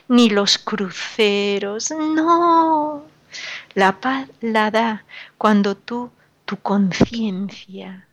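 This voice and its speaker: A religious radio speaker, a woman with a medium-pitched, fairly bright voice, admonishes her listeners with emphasis. She repeats words and asks rhetorical questions in a sorrowful tone, and the recording is dry.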